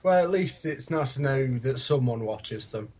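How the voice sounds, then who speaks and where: A man's voice: mid-range voice, expressive, normal speed, darkish tone. A man with a British accent chatting casually as a guest on a podcast. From Britain. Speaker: podcast guest, toy reviewer. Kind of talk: casual chat.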